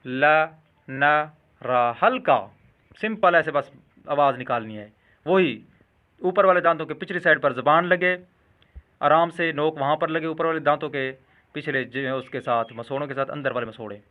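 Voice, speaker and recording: Man, Pakistani Urdu accent, patient teacher, repeats letter sounds slowly. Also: a little high, narrow, tinny audio. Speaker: Quran pronunciation teacher. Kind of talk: instructional demonstration.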